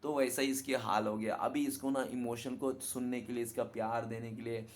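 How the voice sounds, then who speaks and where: This tarot reader is a man with a mid-range voice that shows little pitch movement, speaking at a moderate pace against slight background noise. He chats casually with his viewers during the reading, repeatedly using "ठीक है ना" as a tag question to check they follow.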